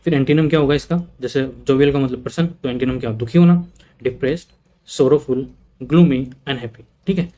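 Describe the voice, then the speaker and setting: A man's voice: medium pitch, a little fast, mellow. A man teaching an exam prep lesson, repeating word lists and checking in with "okay" often. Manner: repeats points with frequent "ठीक है" checks; mixes English terms into Hindi explanation.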